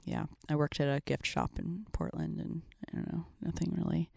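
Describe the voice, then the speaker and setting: Low-voiced woman, dry close sound. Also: normal speed, creaky, dry recording. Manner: animated, laughing, self-deprecating. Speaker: podcast guest. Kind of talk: casual chat.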